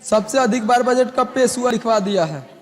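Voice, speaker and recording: A hoarse male teacher lecturing a classroom and dictating notes, repeating each line slowly and hushing the students. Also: very high-pitched, big-room sound. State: hoarse, sore throat.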